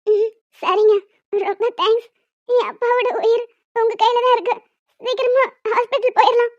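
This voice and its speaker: A woman doing a very high, squeaky cartoon young wife. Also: steady tone, moderate pace, no room sound. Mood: curt. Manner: pleading, tearful. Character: young wife, loving and desperate daughter. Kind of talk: Tamil cartoon serial voice acting. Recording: dull lo-fi sound.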